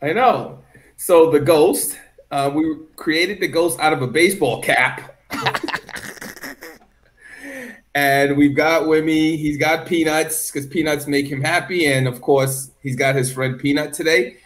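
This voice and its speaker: A man walks children through a recycled art project in a friendly, casual way, pausing now and then. His voice sits slightly high for a man. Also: fairly bright tone. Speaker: art segment guest. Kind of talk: casual explaining to kids.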